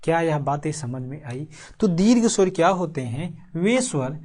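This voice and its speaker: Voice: medium pitch, expressive, darkish tone. Exam-prep teacher, repetitive drilling delivery with rhetorical check-up questions. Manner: drills key phrases word by word, repeating them slowly; keeps asking the class rhetorical check-up questions. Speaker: Hindi teacher for exam preparation. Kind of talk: online exam-prep lesson.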